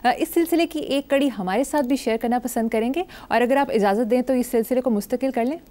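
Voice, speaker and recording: A woman hosts a talk show, putting formal, polite questions to her guest. Her voice sits a little high for a woman. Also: a little fast, dark tone. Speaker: host.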